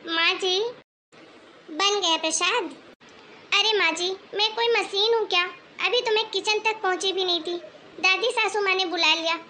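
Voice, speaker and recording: Woman doing a shy polite young bahu, apologetic, super high pitched. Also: normal speed, pushed and bright, slight background noise. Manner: respectful and apologetic. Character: meek polite young daughter-in-law. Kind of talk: animated moral story voice acting.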